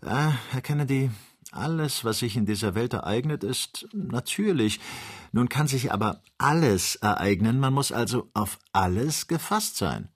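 A man reading an audiobook, voicing an excitable young male servant who talks eagerly and anxiously. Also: mid-range voice, measured pace, breathy edge, pitched above the performer's own voice. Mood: worried. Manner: eager, worried, bursting with excitement. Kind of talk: audiobook character voice.

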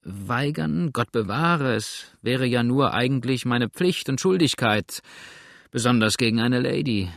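A man's voice: mid-range voice, expressive, unhurried, gravelly, no room sound, clean studio sound. A man reading aloud as a grumbling, blunt old male boatswain in a storybook. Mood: gruff.

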